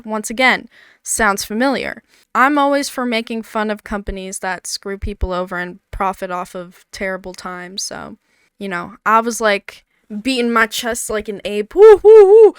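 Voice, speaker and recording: A woman's voice: medium pitch, sharp tone, clear, resonant tone, no room sound, studio quality. A woman with a slight lisp giving casual, blunt commentary on an old comedy show, full of "like". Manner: chatty, blunt, peppered with "like".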